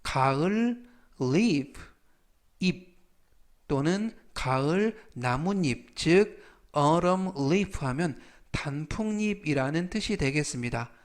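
Man teaching vocab, slightly high voice, very slow and patient, repeats every word. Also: expressive. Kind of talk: slow explanatory lesson.

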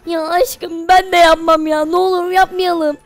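A nervous young wife , as a performer plays her, begging softly and clingily. The voice sits high with a touch of gravelly fry. She is a role in a Minecraft role-play video. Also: flat delivery, measured pace. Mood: pleading. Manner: pleading, clingy.

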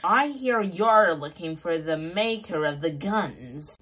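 A woman voicing a sly orange toy tanker engine in a slow, drawn-out put-on voice, in a homemade toy-train story. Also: fairly low pitch, lively intonation, a bit bright, husky, exaggerated voice.

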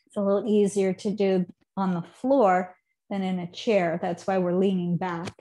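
At a mid-level pitch, a woman in her thirties leads guided seated yoga, her unhurried, calm instructions often trailing off softly. She comes across a little remote, as if captured by a camera on the far side of a living room.

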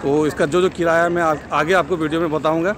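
A man's voice: fairly high pitch, fairly even intonation, quick pace. A man in his thirties, a travel vlogger filming himself at arm's length outdoors at a station and on a moving train, explaining routes and fares to his viewers. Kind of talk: casual travel vlog. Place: outdoors at a railway station and at an open train door. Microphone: camera held at arm's length. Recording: noisy outdoor and train ambience.

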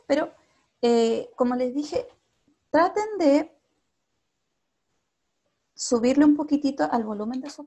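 A woman's voice: sits high, gravelly, warm tone. A woman with a Chilean Spanish accent teaching an English class over a video call. She is patient, checks in with the students constantly and mixes English into her Spanish.

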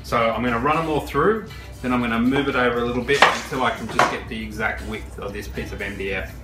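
A man, a woodworking host who explains a project in a relaxed, chatty way with fillers. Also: mid-range voice, fast. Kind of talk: casual how-to narration. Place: large home workshop, indoors. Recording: roomy workshop sound, mic at a distance, music under the voice. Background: background guitar music.

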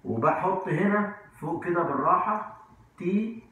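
An English teacher in his forties with an Egyptian accent gives an informal lesson at a whiteboard, repeating words and asking check questions conversationally. His voice is high-pitched, animated and sharp, a little slow. The room is very echoey.

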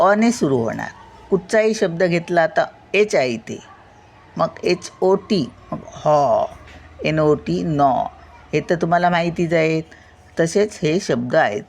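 A woman's voice: sits low, darkish tone. An older woman, a grandmother, teaching children English word sounds, spelling each word letter by letter and then saying it, often checking with a short "hm?". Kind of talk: slow spelling lesson, letter by letter.

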